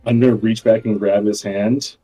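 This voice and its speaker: A man's voice: fairly low pitch, steady tone, normal speed, mellow, faint music behind, low-quality recording. A man playing in a tabletop game, describing a scene hesitantly with many fillers. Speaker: player.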